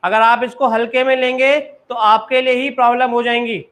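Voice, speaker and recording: A man's voice: extremely high pitch, little pitch movement, normal speed, a bit bright. A man teaching a live online maths class, often checking that his students follow and urging them to keep studying.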